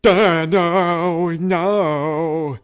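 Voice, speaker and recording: A man doing a slow, dim giant guy saying "duh". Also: medium pitch, a little mellow. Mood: timid. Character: timid simple-minded male giant.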